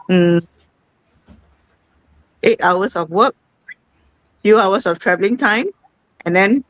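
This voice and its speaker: A woman's voice: lowish voice, no echo, poor audio. Woman, thirties, host, casual rambling talk, dry close sound. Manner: conversational, rambling with many fillers. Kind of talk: casual online sharing session.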